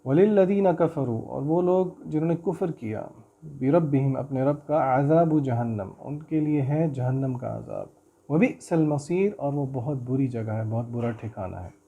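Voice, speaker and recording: In a Quran recitation and tafseer lesson, a man chants verses slowly and melodically, then explains them in quick, conversational speech. His medium-pitched voice is mellow and slightly rough with vocal fry, and the audio sounds dull.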